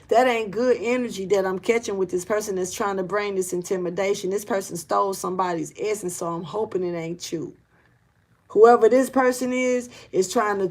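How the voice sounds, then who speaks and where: A woman with a mid-range voice gives a casual spiritual tarot reading. She is loose, rambling and blunt, using slang and cursing, earnest and urgent, and often repeats herself and restarts.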